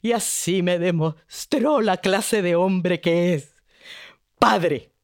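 A woman's voice: on the low side, slow, dry recording, studio quality, voice pushed down. A woman voicing a weary resolute princess. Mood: solemn. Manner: solemn, earnest.

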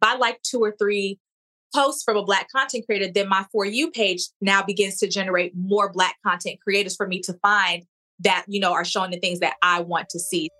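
Bright-voiced woman in casual interview talk. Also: medium pitch, steady tone, moderate pace. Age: 30s. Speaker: interviewee, content creator.

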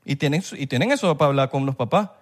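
A Venezuelan man in his thirties chats casually on a podcast, heavy on slang and quick to argue his point. His voice rises and falls in wide, lively swings. He speaks with a Venezuelan Spanish accent. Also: medium pitch. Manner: animated, slangy, argumentative. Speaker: podcast co-host. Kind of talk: casual chat.

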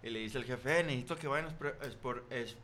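A man's voice: mid-range voice, fairly quick, pushed and bright, a little hiss or hum. A man with a Mexican accent telling crude jokes in a loose, rambling way on a comedy podcast. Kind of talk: casual joke-telling banter.

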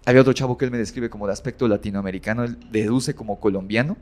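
A man's voice: on the low side, very fast, darkish tone. Rambling man retelling a spooky story. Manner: rambling, many fillers and self-corrections. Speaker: storyteller guest. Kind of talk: casual retelling of a horror story.

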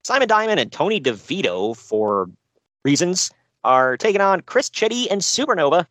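A man's voice: sits high, big pitch swings, normal speed, a bit bright, no echo. A man co-hosting a podcast, recapping a show with dry sarcasm and frequent laughs. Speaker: podcast co-host. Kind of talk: casual chat.

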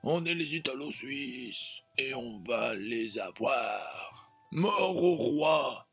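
A rowdy, drunken male soldier, put on by a man, chanting in a high, drawn-out voice. He sounds quiet and loose rather than loud. Faint music plays behind him. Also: animated, gravelly, slightly rough, exaggerated voice. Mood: boastful.

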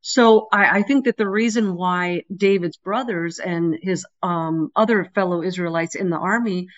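Middle aged lady guest on a dull call line, kinda low voice, telling her faith story earnestly. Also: moderate pace. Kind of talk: conversational testimony and teaching. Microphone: remote call connection. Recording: dull, band-limited remote call.

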